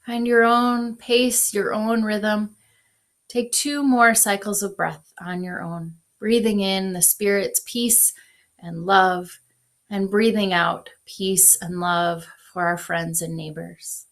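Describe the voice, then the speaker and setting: Woman, devotional leader; calm, slow-paced guided breathing, steady medium voice. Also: mid-range voice. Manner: calm, unhurried guidance.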